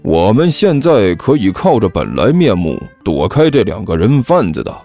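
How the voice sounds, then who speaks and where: A man voicing a calm, clever boy who speaks matter-of-factly while planning. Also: lowish voice, moderate pace, faint music behind. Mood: serious.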